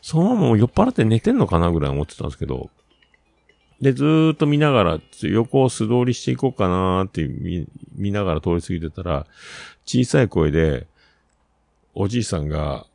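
A man talks alone in a casual, rambling way, full of filler words. His voice sits a little low and gravelly, and his pitch swings widely as he gets animated. The sound is dry and close, with faint music underneath. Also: a little fast, dry recording. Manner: chatty, animated, with many fillers. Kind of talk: casual solo talk, rambling storytelling.

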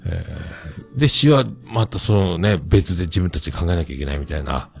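A man in his forties hosting a casual solo podcast, rambling and self-deprecating, with many drawn-out fillers. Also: deep voice, creaky. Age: 40s. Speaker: podcast host.

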